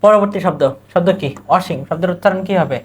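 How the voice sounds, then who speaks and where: A high-pitched male teacher with a Bangladeshi Bengali accent runs pronunciation drills for a recorded exam-prep lesson, asking a question, restating the answer, and sounding out model words slowly, syllable by syllable.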